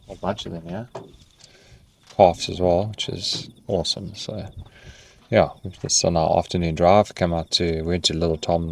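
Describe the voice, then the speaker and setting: A man's voice: low voice, gravelly. A man with a South African accent, a travel vlogger chatting casually outdoors. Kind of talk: casual vlog chat. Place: outdoors at a safari camp and waterholes.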